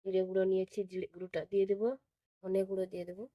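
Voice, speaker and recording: A woman with a voice hoarse from a cold, calmly narrating each cooking step in her home kitchen and repeating each one. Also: mid-range voice, rapid-fire, dry recording, highs cut off. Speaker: cooking channel host. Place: home kitchen with stove sizzling.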